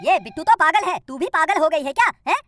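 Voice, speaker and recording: A voice actor playing a bossy, short-tempered cartoon father who keeps scolding his son, in a high squeaky voice. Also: lively intonation, quick pace, no room sound, studio quality, soft background music. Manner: scolds loudly, repeats "हैं?" and "चुप". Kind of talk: comic cartoon dubbing.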